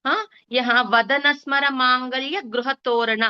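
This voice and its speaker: A woman teaching a spiritual text in a slow, explanatory way, often hesitating and correcting herself. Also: high-pitched, steady tone, pushed and bright, smooth, dull audio.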